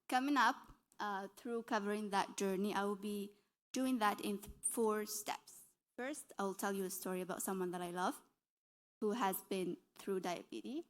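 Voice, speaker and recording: Speaking unhurriedly with fairly even intonation, this young woman from Algeria gives a dietitian's presentation in a conference hall. Her pitch is medium, and she explains earnestly, fixing her own slips as she talks.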